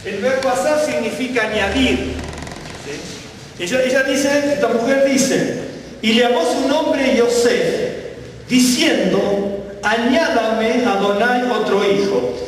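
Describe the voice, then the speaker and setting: A man's voice: very high-pitched, slow pace, slight background noise. A man, a Bible teacher, explains Hebrew words in a sermon-style talk and keeps checking whether his listeners follow. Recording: echoey hall, voice from far off.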